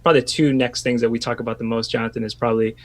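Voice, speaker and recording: A man's voice: medium pitch, level tone, racing. A man in his thirties from Washington state, a pastor chatting as a podcast guest in a reflective way, with many restarts. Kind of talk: casual podcast conversation.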